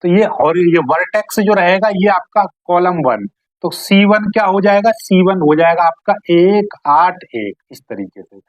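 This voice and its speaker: A woman teaches math classroom-style, asking questions and answering them herself, often checking that listeners follow and slowly stretching out key terms. Her voice is lowish with lively intonation, and the recording is dry and poor.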